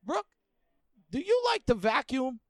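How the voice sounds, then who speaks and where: A man's voice: very high voice, sing-song, a little slow, fairly bright tone, no echo, studio quality, voice pushed up, exaggerated voice. A man voicing a rambling, spaced-out old stoner oddball making a prank phone call. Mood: rambling, needy.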